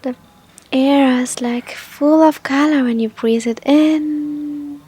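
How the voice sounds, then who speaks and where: Leading a meditation, a female guide gives gentle instructions very slowly and softly, leaving long pauses between them. Her voice is high and breathy, with fairly even intonation.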